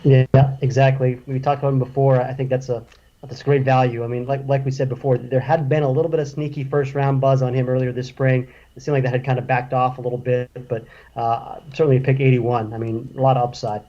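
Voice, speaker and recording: A man offering measured analysis on a live baseball panel. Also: medium pitch, level tone, warm tone, lo-fi sound.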